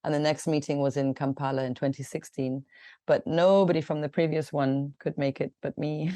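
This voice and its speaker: A woman's voice: low voice, steady tone, normal speed, warm tone, no room sound. A woman from Kenya in her forties, a guest artist talking casually in an interview, chatty, with fillers, restarts and frequent laughs.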